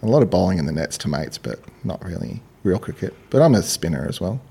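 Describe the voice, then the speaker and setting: A man's voice: deep voice, very animated, fast, creaky, mellow, breathy edge. A man with an Australian accent co-hosting a casual podcast, teasing with dry wit. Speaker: podcast co-host. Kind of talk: casual chat.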